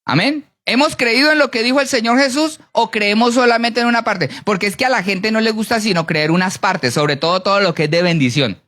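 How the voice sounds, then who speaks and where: A preacher giving a sermon, animated, often asking the congregation to answer yes or no. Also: brisk, few pauses. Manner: animated, with big swings in pitch and pace.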